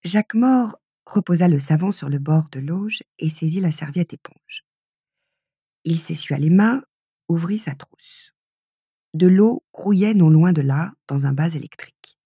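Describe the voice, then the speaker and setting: Audiobook reader: woman, low, mellow and husky, measured storytelling, dry close studio sound. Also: dry recording. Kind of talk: literary audiobook narration.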